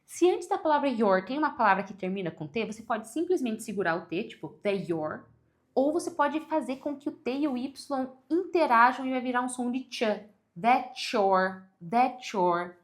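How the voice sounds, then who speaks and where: A woman's voice: sits high, expressive, a little fast, few pauses. A woman giving an online pronunciation lesson, talking straight to the viewer in an upbeat, demonstrative way and leading repeat-after-me drills. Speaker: English pronunciation mentor.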